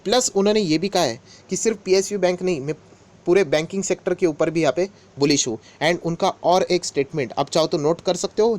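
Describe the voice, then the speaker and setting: A man with a slightly higher than usual voice casually explains stock market news to his viewers, addressing them as friends. He speaks conversationally in Hindi sprinkled with English words, returning to the same filler phrases again and again.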